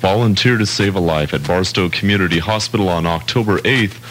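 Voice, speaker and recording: A man's voice: low voice, fairly quick, fairly bright tone, low-quality recording. A man working as a radio announcer, reading a scripted public service reminder.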